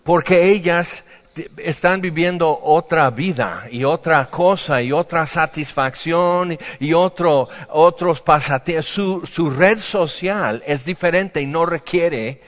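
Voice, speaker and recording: A man's voice: on the high side, slow pace, a bit bright. A man preaching a sermon in a conversational way, acting out the voices he quotes. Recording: dull recording with long hall reverb.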